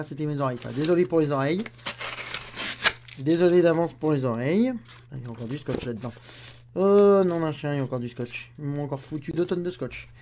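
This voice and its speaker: A man's voice: fairly high pitch, heavy background noise. Chatty man grumbling through an unboxing. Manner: chatty, grumbles aloud while unwrapping. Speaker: unboxing video host. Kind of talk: casual talk to camera.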